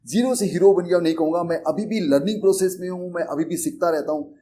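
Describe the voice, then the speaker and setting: A man's voice: sits high, fast talker, dark tone. A middle-aged man with an Indian accent, speaking earnestly and conversationally as he teaches, mixing English terms into Hindi and often repeating himself. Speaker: English teacher and coaching institute founder. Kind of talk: Hindi lecture on learning English.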